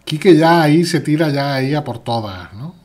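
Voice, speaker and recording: Man, Spain Spanish accent, husky voice, animated swings in pitch, playful live chess chatter. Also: normal speed. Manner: chatty, playful, reads chat aloud while playing. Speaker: chess streamer. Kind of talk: live chess stream commentary.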